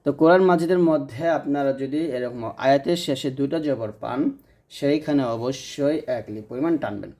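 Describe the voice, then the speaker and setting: Mellow-voiced man teaching a reading lesson. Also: medium pitch, a little fast. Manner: patient, repeats rules, checks understanding. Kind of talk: explanatory lesson.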